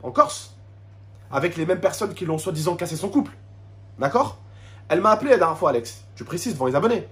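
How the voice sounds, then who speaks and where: Talking fast in a high, animated voice, this man vents emotionally to his YouTube subscribers in a French banlieue street accent. He mixes street slang with Arabic interjections, repeats himself and asks rhetorical questions.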